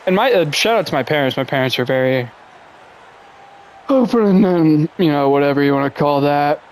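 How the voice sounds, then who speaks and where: A man's voice: on the high side, lively intonation, normal speed. A man in his twenties from Russia, hosting a podcast with a casual, rambling, profane, self-deprecating monologue full of fillers. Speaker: podcast host.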